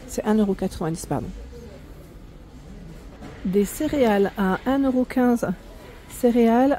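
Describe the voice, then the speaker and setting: A woman's voice: mid-range voice, dark tone. A woman filming a shopping vlog in a food discount store, chatting as she reads out prices and weights and correcting herself along the way. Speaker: vlogger showing store prices. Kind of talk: walk-through shopping vlog.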